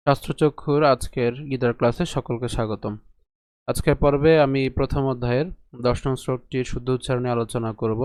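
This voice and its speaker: A man teaching correct Sanskrit pronunciation of a scripture verse, asking and answering his own questions, chanting slowly syllable by syllable. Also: mid-range voice, steady tone, a little mellow, clear, resonant tone. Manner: explains and asks rhetorical questions. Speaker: Gita recitation teacher. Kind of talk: online pronunciation lesson.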